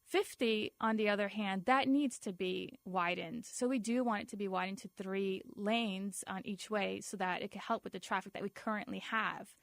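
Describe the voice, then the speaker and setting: A woman's voice: mid-range voice, normal speed, creaky, few pauses, dry recording. Plainspoken woman advocate in a dry recording. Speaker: community group vice chair being interviewed. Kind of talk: conversational interview answers.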